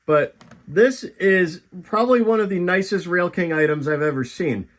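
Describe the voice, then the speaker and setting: Chatty high-voiced man vlogging. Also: normal speed. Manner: chatty, enthusiastic collector talk with fillers. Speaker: model train vlogger. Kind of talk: casual show-and-tell vlog.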